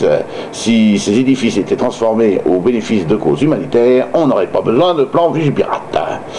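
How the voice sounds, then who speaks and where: A Frenchman hosts a homemade-sounding news broadcast in a lowish, very soft-edged, dark voice. He stumbles through his reading and slips in sardonic, mocking remarks of his own. A light layer of noise sits behind him. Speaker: amateur radio host.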